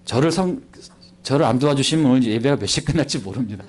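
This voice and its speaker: A man serving as a missionary preaches a sermon at a church service, playfully and animatedly quizzing the congregation through a handheld microphone. His voice is medium in pitch with a breathy edge, and he talks quickly.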